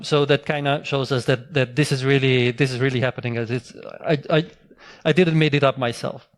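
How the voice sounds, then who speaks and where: Hungarian-born man giving a clear tech talk. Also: mid-range voice. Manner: relaxed, many fillers and restarts. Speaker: conference speaker. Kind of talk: technical conference talk. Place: conference hall.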